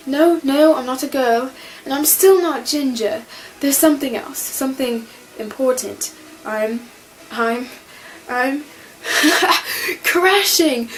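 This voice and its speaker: Woman doing an excitable male alien Doctor. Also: high voice, low-quality recording. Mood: excited, manic. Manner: excitable, exclamatory, checking himself over. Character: manic newly regenerated male alien Doctor.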